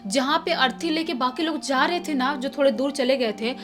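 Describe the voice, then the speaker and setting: A woman tells a horror story in a casual, chatty way, circling back over her words as she goes. Her voice sits high, and soft music plays faintly underneath. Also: moderate pace. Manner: chatty, repetitive, animated retelling. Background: faint background music.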